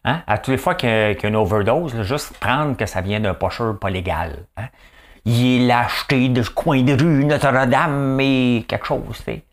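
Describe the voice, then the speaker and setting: A man with a Quebec French accent doing a rambling, animated comedic monologue full of fillers and repeated words. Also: mid-range voice, moderate pace.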